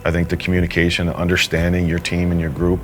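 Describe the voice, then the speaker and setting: Man, very deep voice, monotone, measured, reflective interview. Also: faint music behind. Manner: measured and even, explaining his routine. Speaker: head hockey coach.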